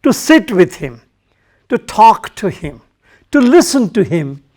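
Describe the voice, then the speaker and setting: A male English teacher with an Indian English accent, giving a recorded lesson to schoolchildren, slow and repetitive, speaking to the pupils directly. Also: high-pitched, very animated, a little mellow.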